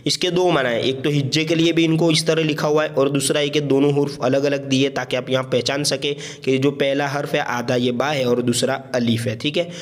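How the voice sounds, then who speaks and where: Patient male Urdu teacher spelling slowly. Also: mid-range voice, little pitch movement. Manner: patient, slow letter-by-letter drilling with frequent "theek hai"; religious phrases woven into teaching. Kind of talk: spoken lesson, spelling out letters.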